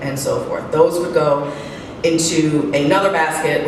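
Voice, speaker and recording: Echoey, congested low-voiced woman presenting. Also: creaky. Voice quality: slightly muffled, sniffly, congested. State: congested with a head cold. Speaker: senior tax manager presenting. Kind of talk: spoken professional presentation. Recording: very echoey room, distant mic, noisy.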